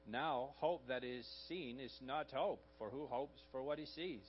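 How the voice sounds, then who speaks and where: A slightly hoarse man delivers a sermon at a mid pitch, easy and conversational, tossing in little asides to his listeners. The recording is dull and lo-fi, with a faint hum running underneath. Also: measured pace. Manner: conversational preaching with frequent "right?" asides. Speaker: pastor.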